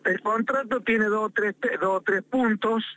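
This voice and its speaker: Here the same kind of phone interview: a man, a mayor with an Argentine Spanish accent, rings a talk show to press an aggrieved complaint, insisting and circling back over his points. He speaks at a moderate pace in a high, sharp-toned voice.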